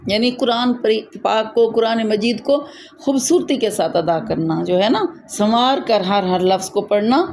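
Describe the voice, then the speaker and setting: A woman's voice: on the high side, a little mellow, a little hiss or hum. A woman with a Pakistani Urdu accent teaching a Quran recitation lesson to a student, patiently explaining and checking that she understands.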